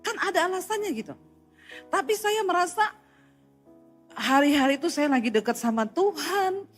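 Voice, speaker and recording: A woman preacher delivering a sermon as vivid storytelling, swinging sharply between loud and soft. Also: moderate pace, faint music behind. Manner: expressive storytelling with sharp rises and drops in pitch and volume.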